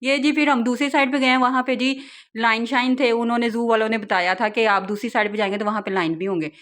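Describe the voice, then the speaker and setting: A young woman narrating her family outing in a relaxed vlog, chatting and laughing often as she tells it. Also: a little high, fast talker. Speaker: vlogger, mother.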